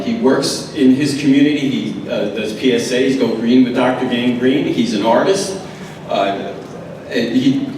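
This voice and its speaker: Guy doing a heartfelt halting tribute speech, super echoey, lots of noise, far from the mic. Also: medium pitch. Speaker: horror host giving an induction speech. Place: large echoey event room, far from microphone. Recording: very echoey, distant, very noisy event recording.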